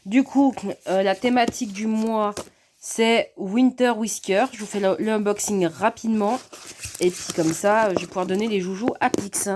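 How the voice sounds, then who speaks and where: A woman chatting casually through an unboxing of a cat subscription box, often pausing with fillers. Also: medium pitch, fairly even intonation, a little mellow, a little hiss or hum. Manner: chatty, hesitant with frequent fillers.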